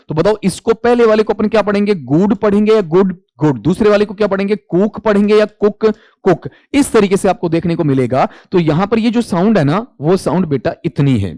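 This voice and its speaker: High-voiced man quizzing his class. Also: a little mellow, dry recording. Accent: Hindi. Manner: quizzing students and answering himself; calls students 'beta'. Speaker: English teacher. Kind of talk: exam-prep lecture.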